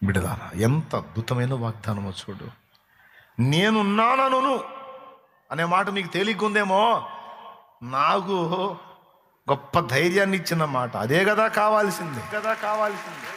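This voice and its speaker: A man's voice: on the high side, animated, moderate pace, pauses often, pushed and bright, in a large hall, slight background noise. A man preaching a sermon as pastor, fervent, repeating reassurances and breaking into sung hymn lines. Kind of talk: Telugu sermon.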